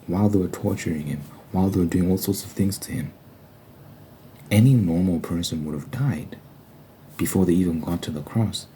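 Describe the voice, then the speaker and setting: In a rough recording with slight background noise, a low, warm-voiced man leads an ASMR Bible study, musing aloud and explaining scripture in a casual, reflective religious monologue.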